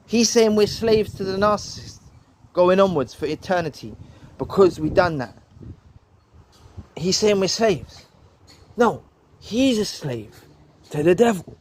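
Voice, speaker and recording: A man's voice: high voice, a little hiss or hum. A man giving a heated, preachy commentary monologue. He repeats his phrases and ends his points with "right?". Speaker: vlogger responding to another video.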